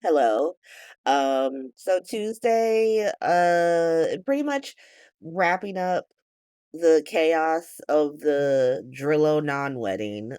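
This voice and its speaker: A woman in her late thirties hosting a podcast, chatting casually in a rambling, animated way that is full of swearing and laughs, and sounding tired. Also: deep voice, drawn-out words, clear, resonant tone, no echo. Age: 30s. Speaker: podcast host. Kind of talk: casual chat recap.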